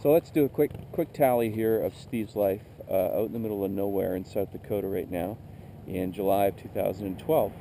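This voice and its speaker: Fairly quick and fairly even in intonation, the man's lowish voice is gravelly and dark, with a little hiss or hum on the camera mic. He's middle-aged and on a motorcycle trip, worn out emotionally, talking wearily and candidly by a rural road and frequently correcting himself as he rambles.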